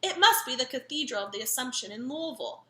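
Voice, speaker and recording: A woman voicing a jolly, hearty old Santa in a children's storybook, booming and exclaiming. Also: expressive, quick pace, pushed and bright, roomy sound. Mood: hearty, cheerful.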